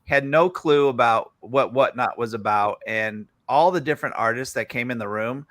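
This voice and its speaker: Bright, eager man jumping in. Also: mid-range voice, moderate pace, no echo. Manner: enthusiastic, jumps in to interrupt. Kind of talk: casual group chat.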